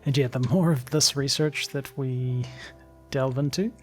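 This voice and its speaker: A slightly hoarse man giving casual, chatty commentary as he plays a game, thinking aloud. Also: medium pitch, fairly even intonation, a little slow, faint music behind. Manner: chatty, thinks aloud with fillers and small laughs. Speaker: let's play gamer.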